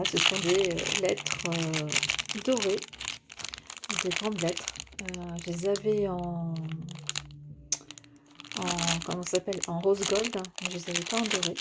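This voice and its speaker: A woman's voice: on the low side, heavy background noise. A woman chatting casually to her viewers as she unboxes craft items, hesitating often with filler sounds. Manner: chatty, addresses the viewer directly. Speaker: craft vlogger.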